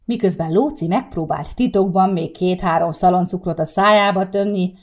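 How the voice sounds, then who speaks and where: A woman reading a short story aloud in a calm storytelling voice as an audiobook narrator. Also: on the low side. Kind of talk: scripted narration.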